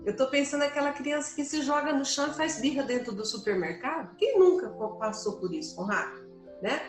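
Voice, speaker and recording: A woman co-hosting a spiritist book study, explaining her points calmly with everyday examples. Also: sits high, fairly quick. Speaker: study group host. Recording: roomy sound with soft music.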